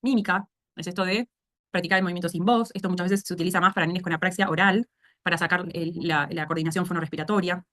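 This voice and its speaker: This speech therapy instructor, a woman with a Rioplatense Spanish accent, has a fairly low, slightly bright voice with fairly even intonation and a quick pace. In her online course she explains each step clearly, regularly checking in with "¿sí?".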